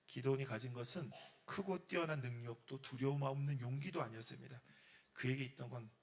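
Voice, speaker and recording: A man, a pastor, giving a sermon to a youth group, acting out prayers and God's words in sudden loud bursts. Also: medium pitch, brisk.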